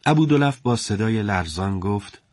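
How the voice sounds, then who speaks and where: Low-voiced male storyteller. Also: no echo, clean studio sound. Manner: colloquial, steady storytelling. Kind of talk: conversational story narration.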